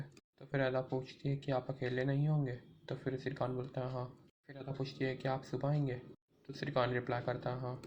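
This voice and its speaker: A man's voice: medium pitch, a little hiss or hum. A man narrating an episode recap, retelling each scene and reading all the characters' lines himself.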